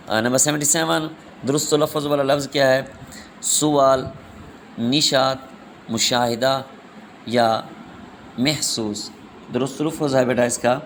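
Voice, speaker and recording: A man's voice: medium pitch, a little hiss or hum. Man teaching, reading options aloud. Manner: reads each option then states the answer, calls students "beta". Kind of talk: exam question walkthrough.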